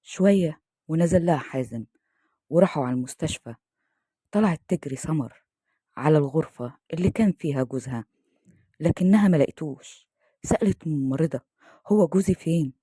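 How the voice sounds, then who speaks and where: A woman with an Egyptian accent narrating a story in a calm, devout way. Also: sits low, brisk, pauses often, husky, no echo, studio quality. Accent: Egyptian Arabic.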